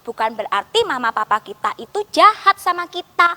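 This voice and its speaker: A woman Sunday school teacher, gently coaxing and explaining to a child puppet. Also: high voice, very animated, a little fast, in a large hall.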